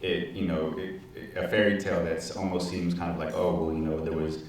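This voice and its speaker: Young male panelist, very low flat voice, earnest, distant echoey hall sound. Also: brisk, a little hiss or hum. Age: 20s. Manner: earnest, reflective, repeats words while thinking. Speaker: panelist, teaching artist. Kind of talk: panel discussion. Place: large auditorium stage. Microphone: handheld mic.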